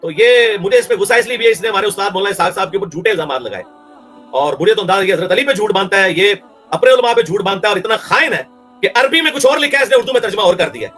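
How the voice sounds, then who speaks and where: A man's voice: high-pitched, lively intonation, a bit bright, soft background music. A man with a Pakistani Urdu accent giving an angry, scornful religious rebuttal, insulting and heated. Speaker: religious speaker.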